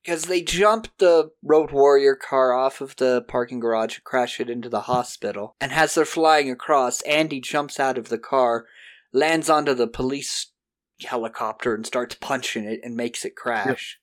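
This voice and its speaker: A man's voice: medium pitch, normal speed. A man co-hosting a podcast, casually retelling a film's story and acting out bits of dialogue. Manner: animatedly acts out characters' lines. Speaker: podcast co-host. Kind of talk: casual film recap chat.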